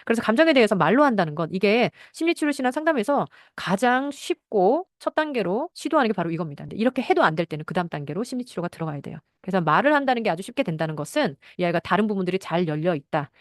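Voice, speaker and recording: A woman parenting mentor giving a lesson on talking with children, explaining briskly and acting out little parent and child exchanges. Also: mid-range voice, big pitch swings, dry recording, studio quality. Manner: fast, explanatory, acts out parent and child lines.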